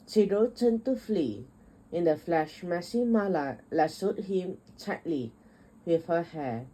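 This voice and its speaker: A woman reading a children's picture book aloud, steady and careful. Her voice is low and slow, with a husky, breathy texture. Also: rough recording. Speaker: storyteller.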